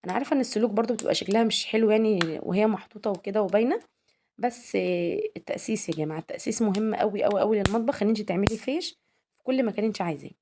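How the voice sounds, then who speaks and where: A woman's voice: medium pitch, very fast, dark tone, slight background noise. A young woman with an Egyptian accent, chatting casually in a home vlog, talking straight to her viewers as girls and asking their opinion. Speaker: homemaker vlogger.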